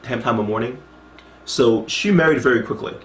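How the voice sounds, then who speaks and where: A man's voice: mid-range voice, normal speed, roomy sound, slight background noise. A man teaching a Bible study in a chatty way, reading scripture aloud and adding asides, often checking in with "okay?" as he goes. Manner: frequent restarts and checks like "okay?".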